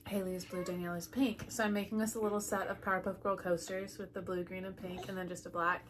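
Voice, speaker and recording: A young woman co-hosting a casual knitting podcast, relaxed and friendly as she walks through her projects. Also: fairly low pitch, quick pace, a little hiss or hum. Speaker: podcast co-host.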